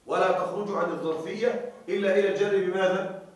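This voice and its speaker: A man teaching a class who poses questions and answers them himself, keeps checking that the students follow, and slows down to drawl out the words he stresses. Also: high voice, fairly even intonation. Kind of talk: classroom lecture with student replies. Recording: very echoey room, voice heard from a distance.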